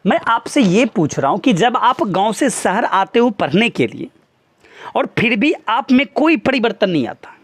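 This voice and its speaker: A man's voice: sits high, sing-song, measured pace. A man, a teacher, earnestly lecturing his students with pointed rhetorical questions. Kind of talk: motivational talk to students.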